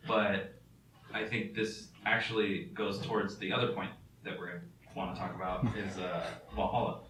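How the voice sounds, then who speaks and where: A man co-hosting a casual gaming podcast, with a tinny tin-can sound as if from two rooms away, talking in a relaxed, drawn-out way. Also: low voice. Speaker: podcast co-host. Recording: echoey distant mic with faint background noise.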